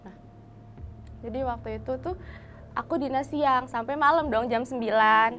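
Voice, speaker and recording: A young woman with a fairly high voice tells a story in casual slang. She switches voices often to act out the people in the story. A faint music bed plays underneath her. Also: normal speed. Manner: animated, acts out quoted dialogue in shifting voices. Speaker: hospital nursing intern telling a ghost story.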